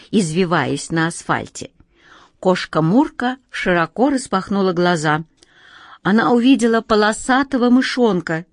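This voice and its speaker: A woman's voice: medium pitch, dry recording, studio quality. A woman narrating a children's story expressively, speaking directly to her listeners.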